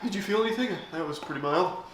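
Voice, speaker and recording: A man's voice: high voice, lively intonation, fast, distant mic, heavy background noise. A man tasting hot sauce with friends, swearing and yelping in pain as he talks. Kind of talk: casual group banter. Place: indoor room with friends. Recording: echoey room.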